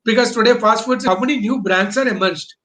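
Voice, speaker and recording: A man's voice: sits high, fairly quick, fairly bright tone. A man from Bangalore, explaining business as an interview guest in emphatic, choppy phrases with rhetorical questions. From Bangalore, India.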